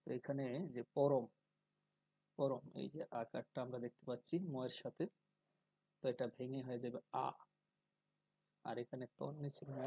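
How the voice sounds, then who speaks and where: A man giving a calm spoken lesson on pronunciation, slowly and deliberately drawing out syllables to demonstrate them. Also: medium pitch, breathy edge, no room sound, low-quality recording. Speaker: teacher of Sanskrit pronunciation.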